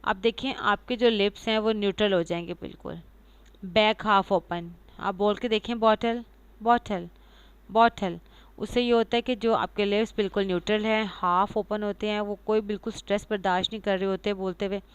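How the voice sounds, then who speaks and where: A woman giving a pronunciation lecture, explaining patiently, reading English lines slowly and repeating example words. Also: mid-range voice, steady tone, clean tone, dry recording. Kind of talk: lecture mixing Urdu and English.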